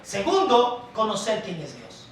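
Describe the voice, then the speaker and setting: A male pastor preaches with emphatic stresses that drop to quiet asides, addressing his listeners as brothers. His voice rings through a very echoey church hall, picked up from well away from the mic, with a faint hum of room noise behind. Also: high-pitched, wildly swooping pitch, a little slow, distant mic. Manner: emphatic, swings from soft asides to loud stresses. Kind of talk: preaching a sermon.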